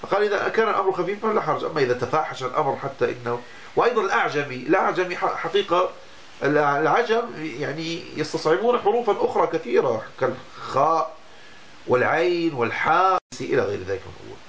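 A Moroccan religious teacher gives a lesson on Islamic law in a fairly high, slightly bright voice that is sing-song and fast. He explains patiently but often breaks off to restart a word.

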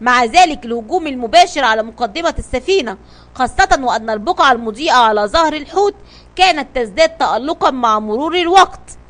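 A woman's voice: sits high, fairly bright tone. A woman reading a children's adventure story aloud, often stumbling and restarting words. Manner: reads with frequent stumbles and restarts.

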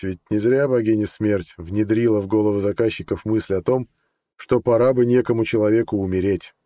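A man reading a fantasy novel aloud in calm, even scripted narration. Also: lowish voice, no room sound, clean studio sound. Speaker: audiobook narrator.

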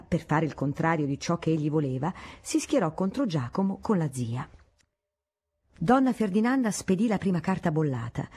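Low, husky woman narrating a novel. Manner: steady, measured storytelling. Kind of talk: audiobook narration of a classic novel.

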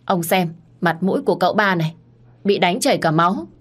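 A woman voicing a bold young servant girl who shouts and tattles in an audio story. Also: animated, brisk, husky. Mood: tattling. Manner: shrill, tattling.

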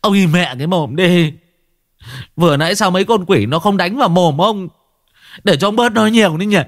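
A man's voice: low-pitched, animated, a little slow, no echo, clean studio sound. A man voicing a short-tempered young exorcist master who scolds his helpers. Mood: exasperated. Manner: exasperated, scolding.

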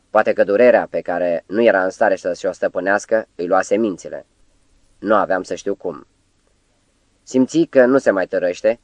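A man reading a novel aloud as an audiobook narrator, in a steady, measured storytelling manner. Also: low voice, no echo. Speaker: audiobook reader. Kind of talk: scripted literary narration.

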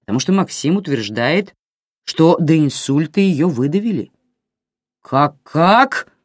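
An audiobook reader voicing a calm, unflappable middle-aged man questioning an old couple. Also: medium pitch, moderate pace, slightly rough, no room sound, studio quality. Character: calm middle-aged male investigator posing as volunteer.

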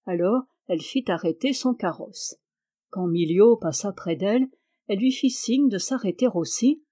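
A woman reading a fairy tale aloud in a measured storytelling manner. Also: mid-range voice, expressive, mellow. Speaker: audiobook reader. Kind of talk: scripted narration of a fairy tale.

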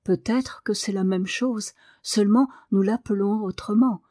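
A woman's voice: medium pitch, unhurried, dark tone, no room sound, studio quality, lightly acted. A woman reading aloud voices a shy, dignified boy who speaks timidly and earnestly.

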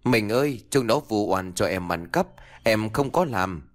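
A man's voice: lowish voice, animated, unhurried. A man voicing a desperate, wronged young village wife who wails and pleads in a ghost story. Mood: pleading. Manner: wailing, pleading.

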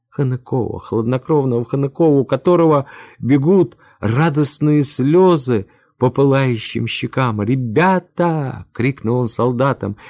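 A man's voice: fairly low pitch, darkish tone, no echo. A man narrating a historical novel aloud in a dramatic reading style, lifting his voice for the characters' cries.

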